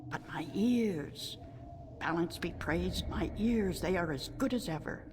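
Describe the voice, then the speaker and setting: A woman playing a sweet, gentle old female storyteller of a non-human tribe in a video game, speaking in a measured way. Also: lowish voice, lively intonation. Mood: kindly, measured. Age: older. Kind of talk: scripted video game dialogue. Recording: echoing hall reverb, clear background noise.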